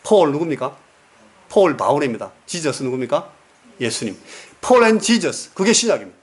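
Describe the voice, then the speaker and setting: Male Korean pastor, sermon delivery, slightly high pitch, storytelling, asks the congregation questions, repeats key words. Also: big pitch swings, normal speed, husky.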